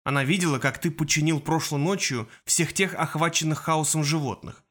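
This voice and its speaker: A man reading an audiobook voices a steady, loyal teenage boy who speaks calmly and reassuringly. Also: fairly high pitch, normal speed.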